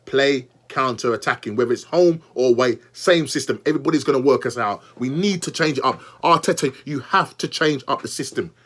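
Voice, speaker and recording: A young man reviewing a football match as a fan, exasperated and animated, repeating himself and talking straight to the manager. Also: medium pitch, fairly quick, hardly any pauses. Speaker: football fan channel host.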